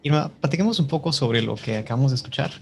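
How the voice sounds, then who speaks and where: A man moderating a talk, quickly asking the guest questions with some fillers. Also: mid-range voice, expressive, creaky, a little hiss or hum.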